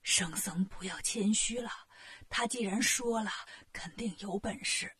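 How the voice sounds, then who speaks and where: A woman voicing a frail, sick old king in a storybook tale, speaking in a feeble, breathy half-whisper. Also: medium pitch, a little slow, fairly bright tone, voice pushed down. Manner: feeble and sighing.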